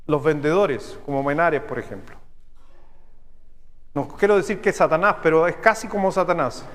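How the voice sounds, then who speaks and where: A man with a Chilean accent preaching a sermon as pastor, teaching step by step and checking in with his listeners through quick questions. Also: high-pitched, fairly bright tone, big-room sound. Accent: Chilean Spanish. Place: church sanctuary.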